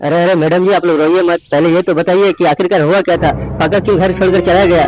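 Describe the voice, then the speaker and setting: A man's voice: high voice, fairly even intonation, music in the background, natural voice, rough recording. A man voicing a bumbling, boastful village police inspector in a cartoon. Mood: blustering. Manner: rambling, rapid, and full of rhyming nonsense. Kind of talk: Hindi cartoon dubbing.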